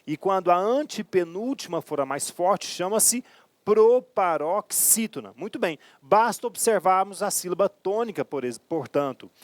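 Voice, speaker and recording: A man with a Brazilian Portuguese accent teaching an exam-prep grammar lesson, emphatic, stretching key words slowly and checking in with quick questions. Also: high-pitched, lively intonation, no echo.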